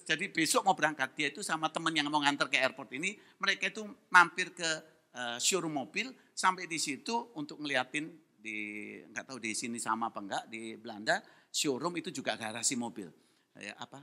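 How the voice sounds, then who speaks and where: A man preaching a church sermon, telling a personal story with lively acted-out dialogue. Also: fairly high pitch. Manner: lively storytelling, acting out voices. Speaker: pastor. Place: church hall.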